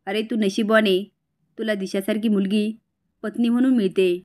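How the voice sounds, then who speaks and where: A woman's voice: medium pitch, fairly even intonation, moderate pace, darkish tone, close to an everyday voice. A woman voicing a doting middle-aged mother who scolds her son and reassures his fiancée in a retold TV serial. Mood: reassuring.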